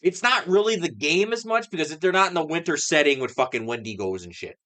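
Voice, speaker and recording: A man with a lively, swooping voice that sits a little high, talking in loose podcast chatter. He rambles, restarts his sentences and swears casually as he goes. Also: a little fast. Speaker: podcast co-host. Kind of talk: casual chat.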